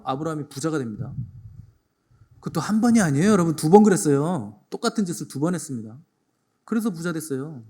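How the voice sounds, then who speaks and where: Male pastor with a slightly high voice, emphatic sermon delivery with rhetorical questions. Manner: playful asides while retelling stories. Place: church.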